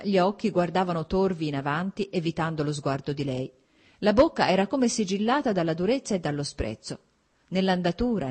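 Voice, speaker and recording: A woman narrating a novel aloud in a measured, expressive literary reading. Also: lowish voice. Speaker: audiobook narrator. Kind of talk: scripted narration.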